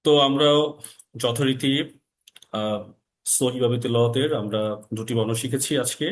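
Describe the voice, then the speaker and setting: A man teaching an online Quran recitation lesson, slowly drawing out Arabic letter sounds and reciting short phrases. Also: medium pitch. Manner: slow, drawn-out demonstration of Arabic letter sounds.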